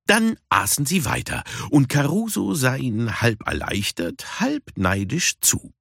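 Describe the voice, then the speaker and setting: A man reading a children's storybook aloud in an expressive, unhurried way. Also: medium pitch, creaky, breathy edge, dry recording, clean studio sound. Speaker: audiobook narrator.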